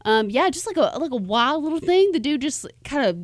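A somewhat high-voiced woman co-hosting a casual podcast, spinning a loose story with lots of "like" and "uh". The sound is dry and close, with no room echo. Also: expressive, brisk. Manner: rambling, filler-heavy, laughs often. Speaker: podcast co-host.

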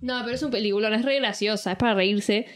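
A young woman with a Rioplatense accent, telling a story in slangy, animated casual chat. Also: mid-range voice, fast. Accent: Rioplatense Spanish.

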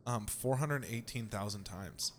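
A man's voice: on the low side, measured pace, slight background noise. A young man hosting a podcast in a casual, joking way, swearing and laughing often. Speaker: podcast host.

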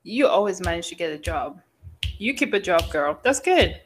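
A woman's voice: fairly low pitch, sing-song, moderate pace, slight background noise. A young woman co-hosting a podcast in casual chat, rambling with fillers and restarts, a bit sick and coughing. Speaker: podcast co-host.

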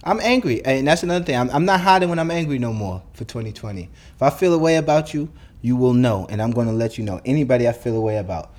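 New dude on his podcast, cussing, venting hard, regular pitch. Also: quick pace, a little mellow. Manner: profane, blunt, heated ranting. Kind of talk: solo podcast monologue.

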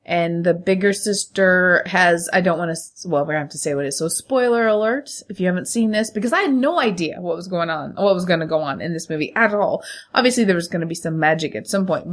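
Low-voiced woman with a stuffy nose. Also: a little fast. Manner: joking, blunt, swears freely. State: stuffy nose from a head cold. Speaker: podcast co-host. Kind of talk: casual banter and film chat.

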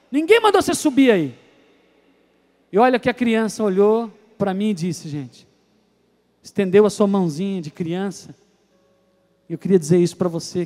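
A young man preaching a sermon from Brazil, telling stories and acting out voices, moving between soft and loud. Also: sits high.

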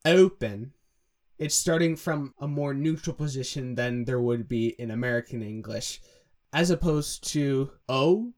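A young man co-hosting a music breakdown, explaining the pronunciation of vowels and demonstrating the sounds himself. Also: mid-range voice. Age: young adult. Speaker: music analysis co-host. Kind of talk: casual analytical chat.

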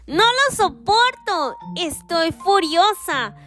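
Casting: a woman doing a stubborn little girl, high-pitched shrieking tantrums, soft music underneath. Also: very animated, takes it slowly, full character voice. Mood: furious. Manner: shrill angry outbursts. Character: furious stubborn little girl shouting complaints.

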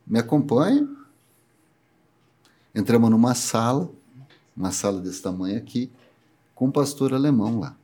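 Brazilian man, middle-aged guest, Brazilian Portuguese accent, animated storyteller, pitch jumps around a lot. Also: breathy edge. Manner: animated storyteller who laughs often. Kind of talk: casual podcast chat.

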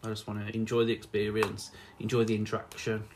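A man co-hosting a podcast in casual chat, animated and quick to laugh. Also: lowish voice, background noise. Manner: animated, laughs a lot, mimics voices in quotes. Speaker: podcast co-host.

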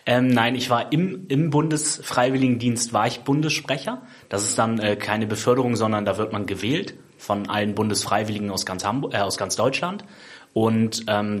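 A man in his twenties with a somewhat low voice, answering interview questions on a podcast. He explains things calmly and fills his pauses with hesitant "ähm"s. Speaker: podcast guest.

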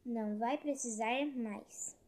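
Woman doing a raised, bright voice for a sly, cheeky storybook tortoise. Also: a little high, slow. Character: cheeky clever male tortoise trickster.

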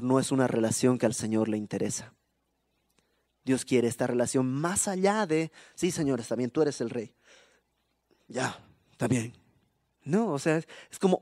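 A man's voice: mid-range voice, darkish tone, dry recording, clean studio sound. A man with a Mexican accent preaching a sermon in an emphatic, conversational way, full of rhetorical questions. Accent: Mexican Spanish.

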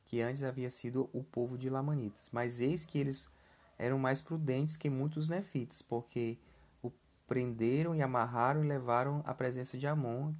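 A man teaches a scripture lesson at an ordinary middle pitch. He talks in a loose, conversational way, turns questions back to his listeners and keeps adding little tag questions. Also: a little mellow.

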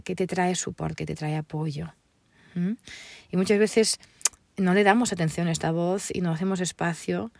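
A woman coach giving a gentle, reflective talk on emotional healing. She speaks hesitantly and often ends phrases with a questioning "right?". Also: on the low side, creaky, dry recording.

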